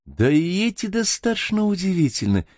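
A man reading aloud, voicing a curious, excitable young woman traveler with a raised voice in an audiobook. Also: medium pitch, normal speed, no echo, studio quality, pitched above the performer's own voice. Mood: amused.

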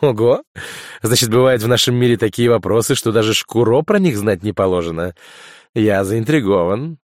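A man's voice: on the low side, moderate pace, no echo, clean studio sound, natural voice. A man voicing a cheerful, curious male official who exclaims readily, in an audiobook. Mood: intrigued. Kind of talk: audiobook character voice.

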